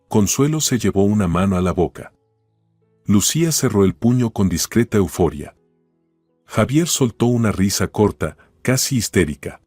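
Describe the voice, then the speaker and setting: A man narrating a dramatic story in a calm, even storytelling manner, in a scripted voice-over. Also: lowish voice, husky, dry recording. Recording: dry close voice-over with faint music.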